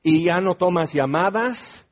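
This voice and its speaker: A man's voice: high-pitched, animated, a little slow. A male pastor, preaching a sermon in a conversational, explanatory way with asides to the congregation. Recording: dull, lo-fi sound.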